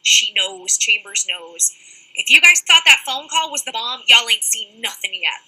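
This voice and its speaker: A woman's voice: on the high side, expressive, a little slow, bright, forceful tone, breathy edge, rough recording. A young woman hosting a casual livestream, reading out chat comments and answering them directly.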